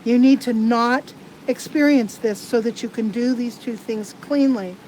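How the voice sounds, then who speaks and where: A woman giving live tarot card readings to viewers. She talks in a halting, earnest way with many restarts. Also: fairly high pitch, a little mellow, slight background noise, rough recording.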